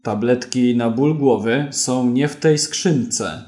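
A man's voice: mid-range voice, takes it slowly, mellow, roomy sound, close to an everyday voice. A man voicing an armed man who makes cold, mocking threats. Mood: threatening.

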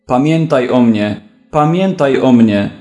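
A man's voice: mid-range voice, lively intonation, slow pace, darkish tone, reverberant. A man reading a desperate arrested father. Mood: pleading. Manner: pleading, frantic.

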